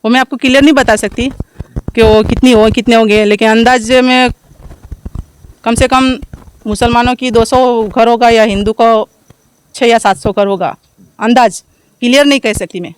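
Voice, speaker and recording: A woman's voice: on the high side, steady tone, normal speed, smooth. A village woman speaking outdoors into a reporter's handheld mic, pleading and repeating her points. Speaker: village resident interviewed. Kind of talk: street interview.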